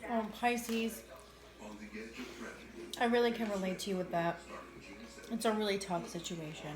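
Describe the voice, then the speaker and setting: A woman's voice: medium pitch, measured pace, over music. A woman chatting informally as she co-hosts an eating show, repeating phrases in a loose, casual way. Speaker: mukbang co-host. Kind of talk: casual chat while eating, answering viewers. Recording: roomy, echoey indoor sound.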